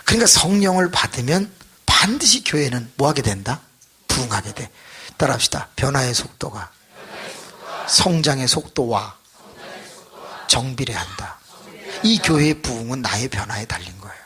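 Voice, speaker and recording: A man pastor preaching a revival sermon, telling a story with animated, acted-out voices. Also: mid-range voice, moderate pace, long pauses.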